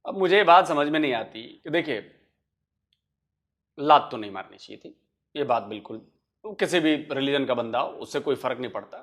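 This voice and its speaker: A man's voice: medium pitch, expressive, moderate pace, long pauses, a bit bright. A man hosting a reaction video, arguing emphatically and addressing his viewers. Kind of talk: reaction commentary.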